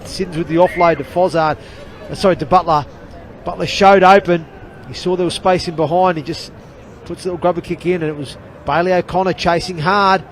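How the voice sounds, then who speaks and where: Male rugby co-commentator breaking down plays. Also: on the high side. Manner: chatty, explains plays, shouts at big hits. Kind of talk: live rugby league analysis. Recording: crowd noise behind.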